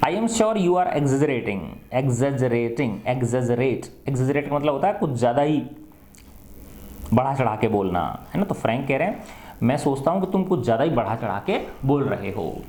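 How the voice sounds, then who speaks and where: A male teacher explaining an English play in Hindi, reading English lines slowly and then explaining them with rhetorical questions. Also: mid-range voice, animated, a little mellow. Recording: echoey room.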